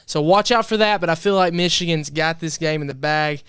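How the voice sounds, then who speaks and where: A man hosting a sports talk show, talking picks in an emphatic, animated way. His voice sits a bit high and comes across smooth and clear. The sound is dry and close, with no room around it. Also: brisk, no echo.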